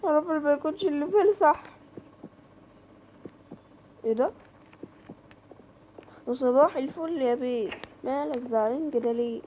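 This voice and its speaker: A woman's voice: high-pitched, normal speed, long pauses, muffled recording, slight background noise. A woman with an Egyptian accent chatting to her viewers while playing a horror game, yelping when startled. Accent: Egyptian Arabic. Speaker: gaming creator. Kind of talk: horror game let's play commentary.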